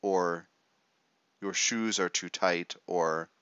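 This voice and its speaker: A man guiding a meditation in a measured, instructive way, pausing between short phrases. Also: sits low, steady tone, a bit bright, clear, resonant tone, dry recording, dull audio. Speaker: meditation guide. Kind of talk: guided meditation.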